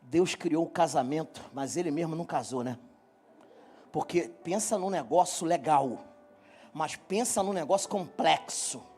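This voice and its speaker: A middle-aged man from Brazil preaching to his congregation, telling a funny personal story in a joking, animated way and speaking straight to the people. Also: a little high, measured pace, breathy edge, soft background music. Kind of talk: humorous sermon storytelling. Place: church hall.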